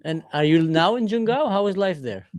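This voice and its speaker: An Israeli man in his forties chats with strangers on a livestream, asking plenty of questions in a casual video chat. His voice is high and expressive at a moderate pace, picked up by a desk camera mic with no echo.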